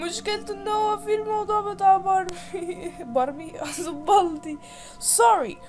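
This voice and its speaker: A woman with an Egyptian Arabic accent talks through a horror game in her very high voice. She is jumpy and panicky, with sudden shrieks and giggles. Loud game music plays behind her. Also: fairly even intonation, normal speed. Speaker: gamer playing a horror game. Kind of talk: let's play commentary.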